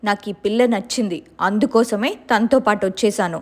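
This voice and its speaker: A woman's voice: mid-range voice, a little fast, natural voice. A woman voicing the stubborn ghost of a young woman in a told story, defiant and pleading.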